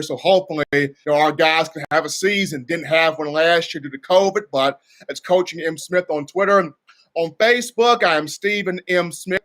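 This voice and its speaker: Stammering man, bright high voice. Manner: stammers and repeats words. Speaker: sports reporter and guest. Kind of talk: casual interview chat.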